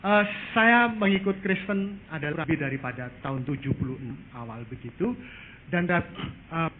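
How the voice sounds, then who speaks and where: A man's voice: on the high side, normal speed, a little hiss or hum. Male audience member from Madura, hesitant and rambling, tinny phone-like sound. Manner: hesitant, many fillers, rambling. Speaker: audience member asking a question.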